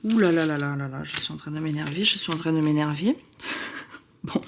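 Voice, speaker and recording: A young woman with a somewhat low voice chats casually and excitably, interrupting herself and filling gaps with hesitations. A faint noise floor sits under the recording. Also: fairly quick, vocal fry. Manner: chatty, excitable, self-interrupting with many fillers. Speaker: tarot vlogger. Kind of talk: casual chat.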